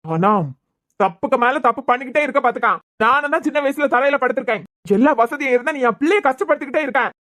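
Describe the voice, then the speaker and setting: Angry cartoon dad voiced by a woman, high-pitched and fast, Kanyakumari accent. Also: a bit bright. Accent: Kanyakumari Tamil. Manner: scolding, raising his voice. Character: angry young husband and father, hot-tempered. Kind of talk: cartoon serial voice acting.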